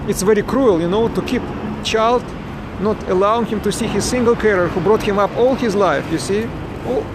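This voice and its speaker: At a moderate pace, a high-pitched Ukrainian man talks to his viewers in broken English, often starting his words again, as he streams a protest from a city street on his phone. He is a parent, and the outdoor audio is noisy with traffic.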